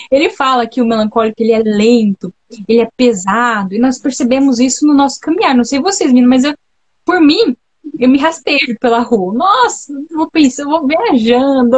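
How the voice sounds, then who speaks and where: A woman's voice: high-pitched, darkish tone. A woman from Brazil hosting a live talk, speaking in a chatty, reflective way that keeps checking in with her listeners. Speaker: host of a live talk on temperaments. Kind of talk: casual live chat.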